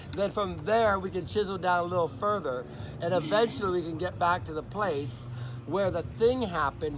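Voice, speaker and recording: A man pressing a stranger with intense, probing, profane questions in a casual outdoor conversation. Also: sits high. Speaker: vlogger interviewing a stranger. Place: outdoors in a park by traffic. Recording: loud outdoor noise, traffic nearby.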